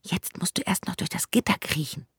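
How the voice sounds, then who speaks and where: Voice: mid-range voice, a little fast, slightly rough, no echo, studio quality. A narrator voicing a bold, fearless young girl who urges a boy on in an audiobook. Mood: urging. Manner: urging, bright and teasing. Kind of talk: audiobook character voice.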